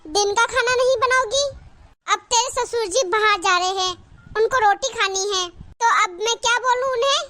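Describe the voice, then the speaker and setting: A woman's voice: very high-pitched, moderate pace, sharp tone. A woman voicing a nagging middle-aged mother-in-law in a cartoon, calling out and scolding her daughters-in-law.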